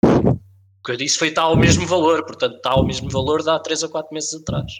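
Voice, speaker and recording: A man's voice: fairly high pitch, steady tone, a little fast, noisy background. A man with a European Portuguese accent chatting casually on a podcast, explaining things in an informal way. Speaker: podcast co-host.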